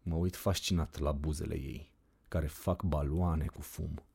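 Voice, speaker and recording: A man's voice: a bass voice, fairly even intonation, gravelly, a little mellow, slightly rough. A man reading an audiobook in the first person, telling the story expressively. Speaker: narrator.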